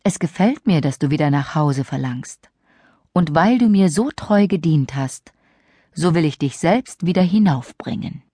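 A woman voicing a kindly, gently authoritative old magical woman in fairy tale narration, reassuring and measured. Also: low-pitched, lively intonation, husky, no room sound, studio quality, heavily acted. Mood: approving.

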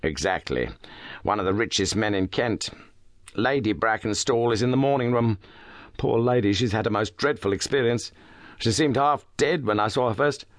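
A man voicing an eager, confident young police inspector who talks briskly and quickly. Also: on the low side, no echo, clean studio sound, lightly acted.

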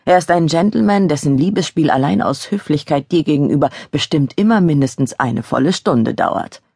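A woman's voice: sits low, expressive, normal speed, vocal fry, darkish tone, breathy edge, no room sound, studio quality, heavily acted. A woman voicing a camp, theatrical young male gallery colleague who teases and mocks with a laugh in his voice. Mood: teasing.

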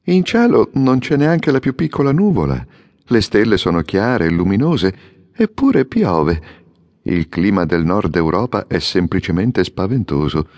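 A man's voice: on the low side, big pitch swings, unhurried, a little mellow. A man voicing a fussy young male swallow, proud and complaining, in an audiobook fairy tale. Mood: indignant. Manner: peevish, exclaiming. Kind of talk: audiobook character reading.

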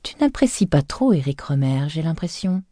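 A woman's voice: sits low, big pitch swings, normal speed, no room sound, studio quality, pitched above the performer's own voice. A woman narrator voicing an enthusiastic middle-aged wife in an audiobook, lifting her voice with eager delight. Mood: teasing. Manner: bright-eyed, enthusiastic.

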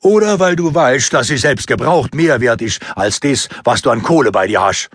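Male narrator playing a cheerful costumed robber, sunny and pushy; husky voice, lively pitch, dry close sound. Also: moderate pace, dry recording. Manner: breezy, sunny menace.

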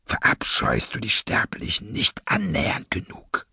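A man voicing a cold masked male villain leader, speaking low and hushed, often close to a whisper, in an audiobook. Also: very animated, a little slow, slightly rough, no echo, heavily acted. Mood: coldly menacing. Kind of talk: audiobook character voice.

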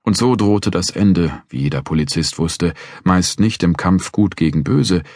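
A man narrates a novel in a deep, husky voice with animated intonation. His reading is measured and first-person, recorded close and dry in a studio. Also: no echo. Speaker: audiobook narrator. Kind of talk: scripted narration.

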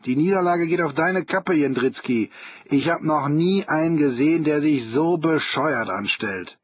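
Brief: a man playing a mean middle-aged gym teacher, growling, husky. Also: fairly high pitch, lively intonation, a little slow, no room sound, lo-fi sound. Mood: scornful. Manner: growling, sneering.

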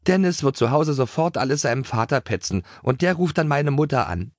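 A man voicing an excitable young girl who rides a pony, in a children's audiobook. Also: medium pitch, a little fast, no echo, clean studio sound, pitched above the performer's own voice, natural voice. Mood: teasing.

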